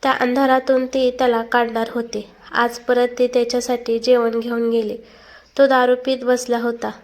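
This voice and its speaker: A woman reading a family drama aloud as the storyteller, steady and emotive. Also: a little high, normal speed. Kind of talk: storybook narration.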